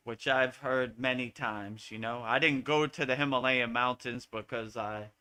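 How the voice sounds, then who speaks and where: A man's voice: medium pitch, bright, forceful tone. An American man, a spiritual teacher, talking earnestly and repetitively in a live Q&A satsang.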